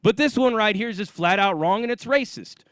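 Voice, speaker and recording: Middle-aged American male commentator, high voice, blunt and emphatic, casual opinion rant, dry close sound. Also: animated, fairly quick, a bit bright, smooth, dry recording. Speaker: online commentator.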